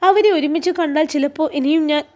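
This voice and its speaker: A grieving young student girl, voiced by a woman storyteller, her words pleading and close to tears. She speaks with a Malabar Malayalam accent in a high voice. It is a spoken storybook role. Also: quick pace, a little mellow, close to an everyday voice. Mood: sorrowful. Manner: sad, pleading, trembling lips.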